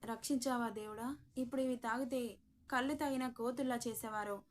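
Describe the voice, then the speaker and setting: A woman's voice: a little high, fairly even intonation, a little fast, a little hiss or hum, close to an everyday voice. A woman voicing a flustered, fearful old male toddy tapper in a storybook reading.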